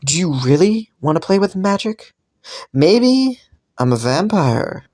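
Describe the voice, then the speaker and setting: A man's voice: high voice, big pitch swings, no room sound, studio quality. A man voicing a seductive, possessive magical stranger who is cruel and teasing in an audio role-play. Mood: seductive menace. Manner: slow, seductive, teasing, quietly menacing.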